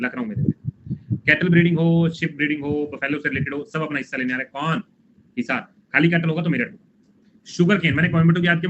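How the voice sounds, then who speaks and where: A man teaching a live online exam-prep class, drilling quick memory tricks and coaxing his students along. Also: a little high, pushed and bright. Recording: dull lo-fi stream audio with faint noise.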